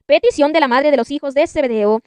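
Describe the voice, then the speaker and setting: A woman reading scripture aloud in a measured, deliberate narration. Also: high voice, dark tone, no echo. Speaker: Bible narrator.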